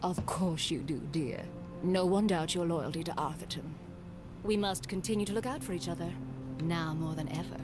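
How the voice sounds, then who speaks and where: A woman's voice: lowish voice, normal speed, close to an everyday voice. A woman playing a prim, sly older lady in a video game, sweetly condescending. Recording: music behind the voice.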